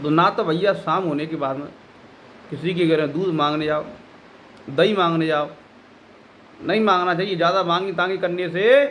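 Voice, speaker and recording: A man's voice: high-pitched, fairly bright tone, a little hiss or hum. A male spiritual teacher giving a devotional talk, scolding and admonishing his listeners. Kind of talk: devotional discourse.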